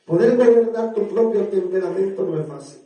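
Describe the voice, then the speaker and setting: A man's voice: high-pitched, brisk, warm tone. A man preaching a sermon to a congregation, asking rhetorical questions and having them repeat phrases. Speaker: prophet preaching. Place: church sanctuary. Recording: very echoey church hall, mic from a distance.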